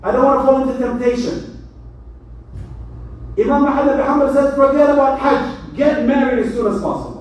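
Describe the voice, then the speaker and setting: A man preaching as an imam in a mosque, animated and joking as he speaks. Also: extremely high pitch, brisk, long pauses. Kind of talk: mosque sermon. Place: mosque hall. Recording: echoey hall, mic from far.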